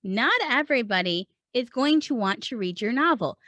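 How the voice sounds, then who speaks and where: Speaking at a moderate pace in a slightly high, animated voice with a sharp tone, this podcast host coaches writers conversationally. She's emphatic and rhetorical, addressing the listener directly with questions and points in her instructional talk. There's no echo.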